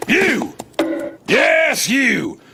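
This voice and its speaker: A pompous blustering cavalry colonel. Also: male voice, high-pitched, animated, normal speed, gravelly, music in the background. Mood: barking orders. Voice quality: barking commands, self-important. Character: pompous bossy cavalry colonel, middle-aged man.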